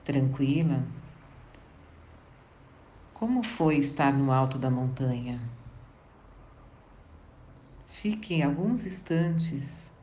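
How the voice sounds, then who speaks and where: A Brazilian woman leading a guided meditation in a soothing, gentle way, leaving long pauses. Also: a bass voice, expressive, slight background noise. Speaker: guided meditation instructor for children and teenagers.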